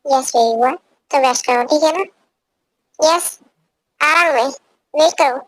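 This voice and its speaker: A woman's voice: high-pitched, a little slow, dry recording. A young woman voicing a possessive, domineering young husband who gives orders in an amateur fan dub. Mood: coaxing. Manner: commanding, repeats orders.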